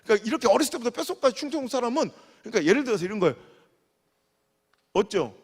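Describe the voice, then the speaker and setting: A middle-aged male pastor preaching a revival sermon, telling lively stories and swinging from quiet asides to loud bursts. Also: extremely high pitch, racing. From Korea. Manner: animated storytelling, acts out dialect dialogue, swings from soft to loud. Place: large church sanctuary. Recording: long church hall reverb.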